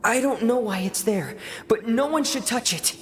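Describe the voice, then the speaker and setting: An actress voicing a young woman in a video game who has just been rescued from the sea, speaking in a soft, hesitant, halting way. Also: on the high side, animated, a little hiss or hum, lightly acted. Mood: urgent.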